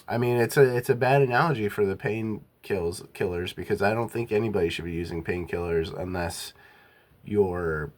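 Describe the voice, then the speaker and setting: A young man with a notably low voice speaks in a relaxed personal monologue. He thinks out loud, stops, restarts and corrects himself mid-sentence, as if working out his views as he goes. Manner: halting, self-correcting, musing aloud. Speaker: vlogger. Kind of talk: casual reflective monologue.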